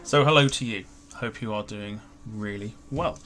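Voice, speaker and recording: Over loud music, a man with a low voice hosts a flight sim livestream at a moderate pace. He keeps the chat casual and informal, greeting viewers by name, and clear background noise runs through the stream.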